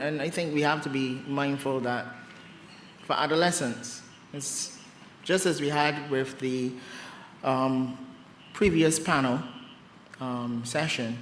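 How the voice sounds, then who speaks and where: A man presenting as a psychiatrist at a conference, speaking in a measured way with frequent hesitations. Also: medium pitch, fairly bright tone, a little hiss or hum. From Barbados. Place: conference hall. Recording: roomy hall with faint background ambience.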